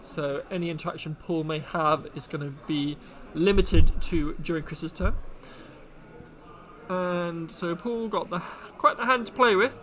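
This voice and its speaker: A young man co-hosting a card tournament stream, calmly explaining each play in casual commentary. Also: fairly high pitch, unhurried. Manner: relaxed, explains the game plays.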